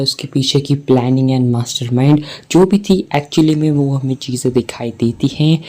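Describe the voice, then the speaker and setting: A man with an Indian accent, a movie commentary YouTuber, breaks down a film in a wordy, explanatory style, mixing in English words. His voice sits in the mid range with a dark tone.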